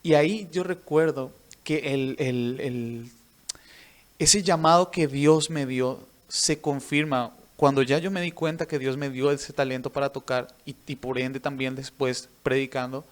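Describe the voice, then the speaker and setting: In an interview, a missionary preacher and musician shares his personal faith testimony, his medium-pitched voice unhurried and fairly even. He tells it earnestly, like a story, often ending sentences with a questioning "right?"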